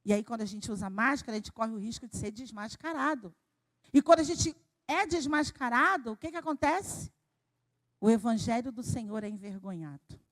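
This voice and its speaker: A woman from Brazil preaching a sermon at a church service, talking in an animated way that swells to emphasis and then drops low. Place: church sanctuary.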